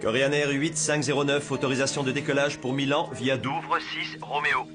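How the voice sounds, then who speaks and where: An actor playing a calm male air traffic controller, heard over the cockpit radio and giving clipped, procedural instructions. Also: mid-range voice, moderate pace, loud music behind the voice. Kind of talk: dubbed documentary reenactment.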